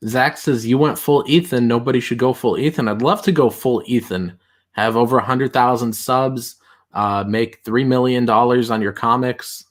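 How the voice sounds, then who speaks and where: A man hosting a casual livestream, reading chat aloud in a rambling, halting way with many fillers. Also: mid-range voice.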